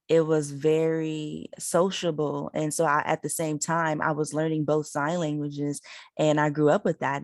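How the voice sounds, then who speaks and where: A woman's voice: low-pitched, darkish tone, no room sound, studio quality. A woman interpreting a signed discussion aloud, relaying each speaker in the third person with frequent fillers. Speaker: sign language interpreter. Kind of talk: voicing signed conversation.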